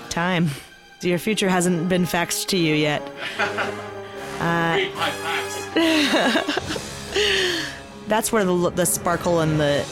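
A man muses aloud about a film in casual podcast talk. He pauses and searches for words as he goes. Music runs clearly behind him. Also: on the high side. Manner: thoughtful, halting.

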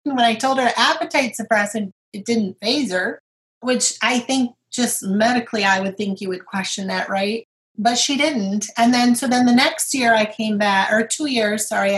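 A woman's voice: a little high, low-quality recording. A middle-aged woman, a guest on an interview, speaking candidly and earnestly about her own experiences. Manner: earnest, retelling scenes with lively quoted voices. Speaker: guest sharing her recovery story. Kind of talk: candid personal storytelling.

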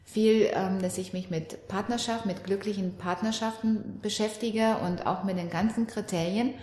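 A middle-aged woman talking calmly and reflectively as an interview guest about parenting and relationships. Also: mid-range voice, moderate pace. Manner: calm, reflective, animated when quoting her daughter. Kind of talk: conversational interview. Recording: roomy echo.

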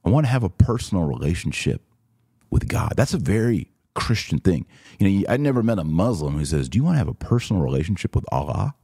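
Answering comments on his podcast, a man in his forties from America talks conversationally and straight to his audience. He has a low, warm, slightly rough voice that is sing-song and quick, in a dry, clean studio recording.

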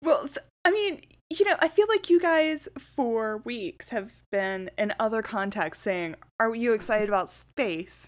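A woman co-hosting a casual podcast chat, animated and teasing, often laughing. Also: medium pitch. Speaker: podcast co-host.

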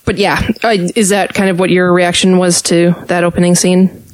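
A woman's voice: on the low side, level tone, normal speed, no echo. A woman co-hosting a podcast in casual chat, laughing often and checking in with her partner. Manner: laughing, self-aware. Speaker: podcast co-host.

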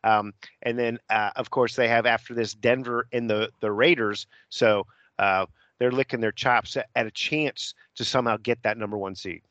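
A man's voice: medium pitch, steady tone, moderate pace, a bit bright, no echo. Easygoing man previewing football games, dry. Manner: sets up each matchup, easygoing and chuckling. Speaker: sports podcast co-host. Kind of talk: previewing games, casual sports chat.

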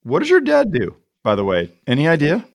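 A man's voice: on the high side, wildly swooping pitch, a little fast, gravelly. A middle-aged man hosting a podcast, joking and laughing often in casual chat. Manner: jokey, upbeat, laughs often. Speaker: podcast host.

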